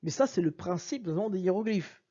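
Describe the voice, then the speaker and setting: A man's voice: high voice, expressive, a little fast, warm tone, husky, lo-fi sound. A man giving an emphatic explanatory lecture over slides, repeating himself and urging the listener to look. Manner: emphatic, repeats "regardez" and "bien sûr". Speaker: video lecturer on word origins.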